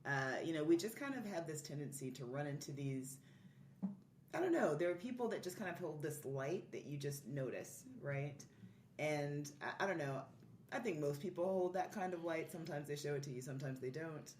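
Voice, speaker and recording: As a guest on a podcast recorded live in a room, a woman chats casually and effusively, telling stories conversationally and laughing easily. Her voice is low, animated and a little mellow at a moderate pace. She's far from the mic, so the audio is off-mic with roomy echo and faint noise.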